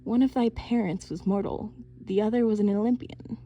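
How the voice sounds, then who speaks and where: A woman's voice: mid-range voice, fairly even intonation, moderate pace, mellow, lo-fi sound, a little hiss or hum, voice pushed up, lightly acted. A woman reading an audiobook, voicing an aloof teenage huntress with formal, old-fashioned speech. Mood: cool.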